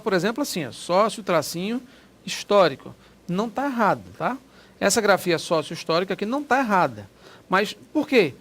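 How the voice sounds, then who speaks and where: A man's voice: sits high, fairly bright tone. A middle-aged man with a Brazilian Portuguese accent teaching an exam prep grammar lesson, chatty and always checking in with his listeners.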